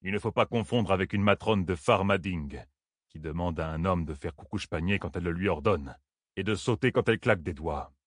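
Man doing a wry old woodsman, low and husky. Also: fairly quick, dry recording, studio quality. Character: weathered older bearded woodsman, dry and wary.

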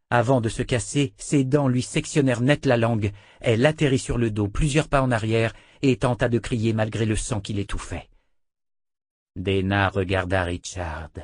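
A man reads an audiobook in a steady, measured way at a middling male pitch. The recording is close and dry, with no room sound. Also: no room sound. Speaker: narrator. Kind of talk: audiobook narration.

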